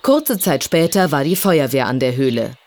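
A woman narrating a children's storybook in an expressive, measured reading. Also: a bass voice, very noisy.

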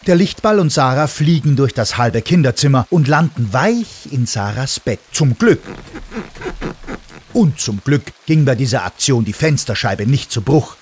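A man reading a children's story aloud in an expressive, animated way. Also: medium pitch, unhurried, slight background noise.

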